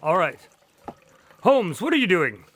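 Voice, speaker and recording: Man as Watson, earnest animated high-voiced doctor. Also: a little slow, exaggerated voice. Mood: polite. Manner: polite, formal, expressive. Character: earnest, loyal male doctor, sidekick to a detective. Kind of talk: audio drama acting.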